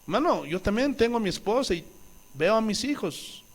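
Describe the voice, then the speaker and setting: A male pastor from Bolivia preaching a sermon, impassioned and swinging from loud exclamations to quiet asides, acting out quoted voices. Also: high voice, sing-song, moderate pace. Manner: acts out quoted voices with wailing and pleading tones.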